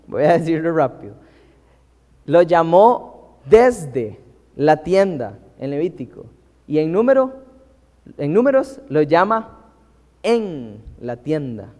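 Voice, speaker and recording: A man with a fairly high voice preaches a teaching sermon, putting questions to the congregation and slowing down to read scripture aloud. His voice carries a long reverb from a church hall. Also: darkish tone.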